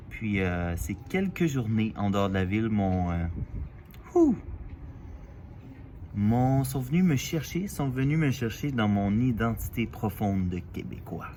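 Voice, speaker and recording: A man's voice: lowish voice, animated, mellow, a little hiss or hum. Thoughtful Quebec French man outdoors. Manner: thoughtful, halting, with many fillers and restarts. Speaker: vlogger. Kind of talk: casual reflective monologue. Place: outdoors in a city alley.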